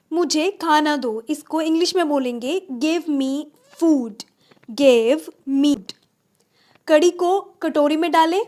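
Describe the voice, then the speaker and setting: A woman teaching spoken English, saying each phrase slowly and repeating it for learners, with chatty asides in between. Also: high voice, a little mellow. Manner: slow, drawn-out repetition of phrases for learners.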